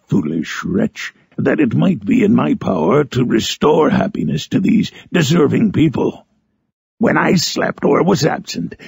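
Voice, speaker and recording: A man voicing Frankenstein's monster, a lonely, eloquent man-made creature, in a solemn, harsh storybook narration with drawn-out phrasing. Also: mid-range voice, darkish tone, no room sound, exaggerated voice. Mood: yearning. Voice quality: harsh, gravelly, raspy. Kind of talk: dramatic audiobook narration in character.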